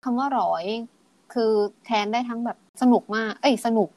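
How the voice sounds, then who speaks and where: Thai woman, podcast co-host, patient teacher, casual chat, slow modeled phrases. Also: a little high, darkish tone, no echo. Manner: explains patiently, models phrases slowly for repetition.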